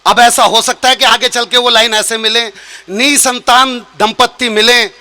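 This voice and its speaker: Guy with a really high bright voice doing comic poetry on stage, yelling the punchlines. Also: fairly quick. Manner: animated storytelling, shouting punchlines. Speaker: comic poet. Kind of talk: stand-up poetry performance. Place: live stage show.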